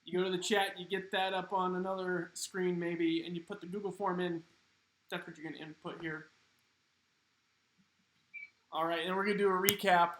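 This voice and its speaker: Guy running an online trivia night, bright high voice, kinda echoey room w/ a little hiss. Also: level tone, moderate pace, long pauses. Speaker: trivia host. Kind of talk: hosting a live-streamed trivia game.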